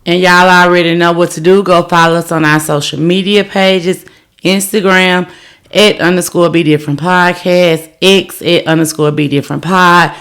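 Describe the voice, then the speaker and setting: A woman's voice: lowish voice, fairly even intonation, moderate pace, fairly bright tone, smooth. A middle-aged woman co-hosting a sports podcast, chatting casually and reading out news items with frequent "um"s. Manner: reads headlines with fillers like "um". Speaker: podcast co-host.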